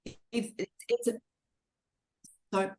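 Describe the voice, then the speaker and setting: A woman's voice: measured pace, darkish tone. Woman on a choppy, breaking-up video call. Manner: chatty, hesitant with many fillers. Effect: choppy, breaking-up video call connection. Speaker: webinar presenter on teaching resources. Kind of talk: live webinar Q&A.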